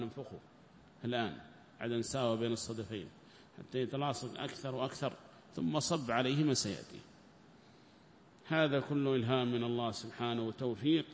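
A man's voice: medium pitch, a little hiss or hum. Man teaching Quran commentary in an echoing hall. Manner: explains slowly, repeats phrases, asks the class questions. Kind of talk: explanatory Quran commentary lesson.

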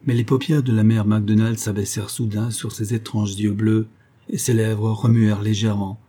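A man with a husky voice narrating a gothic tale as an audiobook reading. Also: fairly low pitch, level tone, normal speed, warm tone.

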